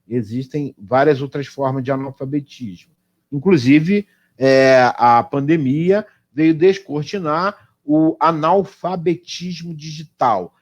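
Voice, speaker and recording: A man with a fairly high voice and a Brazilian Portuguese accent leads an online exam-prep lesson. He explains each answer step by step, posing questions and answering them himself. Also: lo-fi sound. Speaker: teacher.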